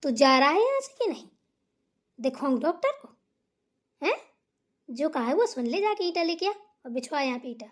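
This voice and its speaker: A woman voicing an aging village mother who is bossy and short-tempered, yelling shrilly and muttering to herself. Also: sits high, very animated, normal speed, pauses often. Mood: scolding. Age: older. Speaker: cartoon character voice. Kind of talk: cartoon voice acting.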